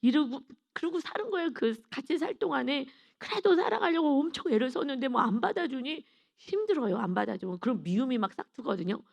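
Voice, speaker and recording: A woman's voice: sits high, big pitch swings, brisk, gravelly, darkish tone. A middle-aged woman preacher giving a dawn sermon, telling a personal testimony in an earnest, emotional way and often turning to speak straight to the congregation. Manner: earnest, emotional storytelling with rhetorical asides to the congregation.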